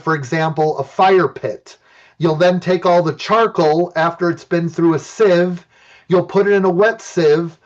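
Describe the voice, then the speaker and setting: A fairly high-voiced man, from Illinois, lecturing about archaeology with enthusiastic, chatty storytelling. His voice comes through a computer mic on a video call. The audio is dull and lo-fi. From Illinois, USA. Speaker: archaeologist giving a talk. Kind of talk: lecture with personal anecdotes.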